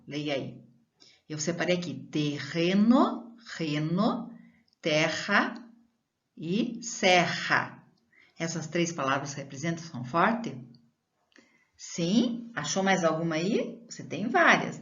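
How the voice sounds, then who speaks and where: A woman teaching a primary school lesson, reading words slowly and drawn out and asking pupils questions. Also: lowish voice, highs cut off. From Brazil.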